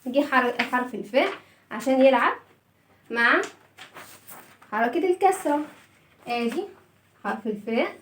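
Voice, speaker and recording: A woman's voice: high voice, animated, moderate pace, long pauses, fairly bright tone, roomy sound, far from the mic, a little hiss or hum. A woman with an Egyptian Arabic accent teaching young children letter sounds through a story, stretching out each sound in a sing-song way and praising often. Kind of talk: storytelling phonics lesson for children.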